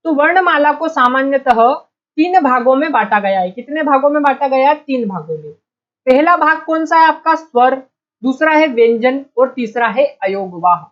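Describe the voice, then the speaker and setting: A woman's voice: sits high, lively intonation, normal speed, muffled recording. A woman teaching an online exam-prep lesson, repeating key points and quizzing her students with questions she then answers herself.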